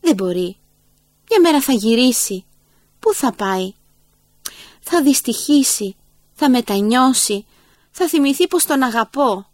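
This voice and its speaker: A woman's voice: on the high side, expressive, pauses often, darkish tone, no echo, natural voice. A woman voicing a grieving, loving old father who longs for his lost son, in a storybook telling. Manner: sorrowful, longing, hopeful.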